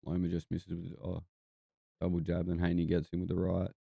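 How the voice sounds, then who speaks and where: A man's voice: low voice, completely flat delivery, brisk, gravelly, no room sound, narrow, tinny audio. A man with a broad New Zealand accent giving casual, laid-back, sweary live fight commentary. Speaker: boxing watch-along podcast host.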